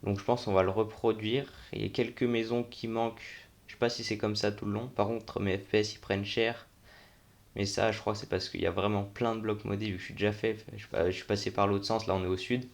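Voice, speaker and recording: A man's voice: lowish voice, flat delivery, fast, vocal fry. A young man giving casual, unscripted commentary on a game tour, thinking aloud in informal, slangy language. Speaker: gaming video host.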